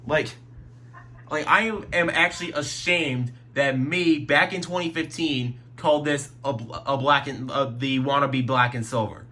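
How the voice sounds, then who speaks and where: His voice medium-pitched, steady, pushed, and bright, a man moves at a measured pace through a casual vlog of his radio collection at home at night. He rambles, restarts sentences, and swears occasionally while his throat gets sore.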